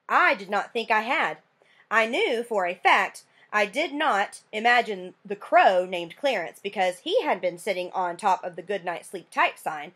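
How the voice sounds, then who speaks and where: Woman, read-aloud storytelling, expressive narration, lively pitch, middle voice. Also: slightly rough. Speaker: teacher reading a book aloud.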